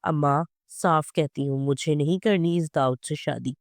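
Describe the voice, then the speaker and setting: A narrator voicing a defiant, sharp-tongued young woman. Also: medium pitch, normal speed, no echo, studio quality, lightly acted. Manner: rude, complaining. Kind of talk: storybook reading.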